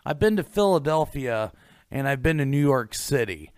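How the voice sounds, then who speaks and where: A man's voice: medium pitch, moderate pace, clean tone, no room sound, clean studio sound. A man co-hosting a paranormal podcast, reading a ghost story aloud and then chatting casually with hesitant fillers. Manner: animated, hesitant in chat with fillers. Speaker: podcast co-host.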